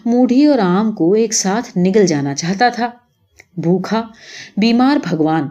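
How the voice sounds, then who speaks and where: A woman narrating a literary short story, reading expressively and giving the characters lively voices. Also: mid-range voice, dull audio.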